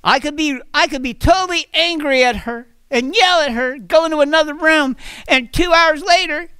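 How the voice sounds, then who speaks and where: A man's voice: very high voice, normal speed, pushed and bright, dry recording. A man preaching a sermon at a church fellowship, earnest and repeating phrases as he goes.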